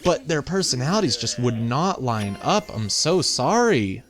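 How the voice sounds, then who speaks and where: A man's voice: mid-range voice, very animated, unhurried, soft background music. A man giving casual, chatty video game commentary, thinking aloud with playful mock indignation as he hosts. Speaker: video game let's play host.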